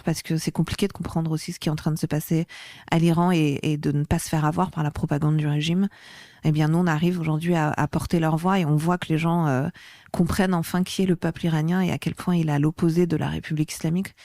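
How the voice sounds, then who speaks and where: A French activist appears as a guest on an interview podcast, her low, warm voice captured in a dry, clean studio recording. She speaks passionately during the conversation, becoming increasingly heated and emphatic.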